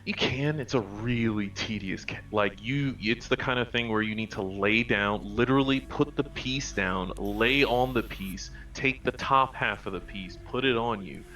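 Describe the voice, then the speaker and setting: A man's voice: mid-range voice, normal speed, hardly any pauses, pushed and bright, distant mic, slight background noise, rough recording. A man playing a tabletop game, explaining things in a casual, hedging way with many fillers. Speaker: player.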